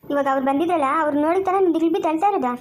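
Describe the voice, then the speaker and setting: A kindly village mother, played by a woman, with a rural Chikkaballapur Kannada accent, soothing a girl in a homemade family skit. She keeps coaxing and repeating her questions in a loud, very high voice. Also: rapid-fire, slight background noise, close to an everyday voice.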